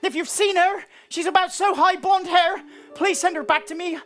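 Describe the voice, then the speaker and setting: Woman playing a high-voiced, hapless earnest brother. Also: fairly even intonation, moderate pace, soft background music. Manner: earnest, bewildered, ungrammatical. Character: plaintive, hapless brother searching for his sister. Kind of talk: improvised comedy acting.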